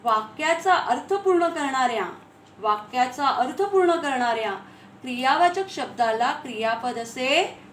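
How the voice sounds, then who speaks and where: High-voiced woman teaching grammar. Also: animated, fairly bright tone. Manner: repeats key phrases slowly, asks questions to the class. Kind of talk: classroom grammar lesson. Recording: echoey room, faint ambient noise.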